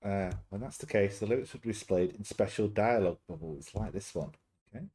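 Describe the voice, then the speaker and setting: A man's voice: lowish voice, brisk, mellow. Chatty man streaming a game. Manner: chatty, jokey, easily sidetracked. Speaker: streamer reading a visual novel aloud. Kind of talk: casual live-stream chat and game narration.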